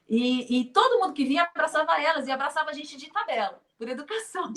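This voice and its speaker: A middle-aged Brazilian woman who teaches in children's ministry gives an online conference talk, a lively storyteller who laughs often and acts out quoted dialogue. Her voice is high-pitched and fast, with heavy background noise.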